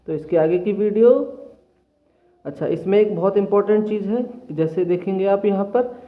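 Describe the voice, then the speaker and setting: A man teaching reading to children in a patient classroom manner, often repeating himself and sounding out letters slowly. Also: sits high. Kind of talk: classroom lesson. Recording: tinny phone-like audio. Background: children nearby.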